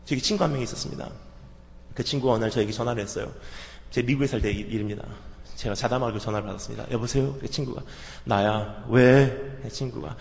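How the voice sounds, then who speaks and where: A man preaching a sermon, swinging between soft low asides and loud fervent outbursts, acting out conversations with a friend. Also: fast, vocal fry. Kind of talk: sermon with acted dialogue. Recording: reverberant hall.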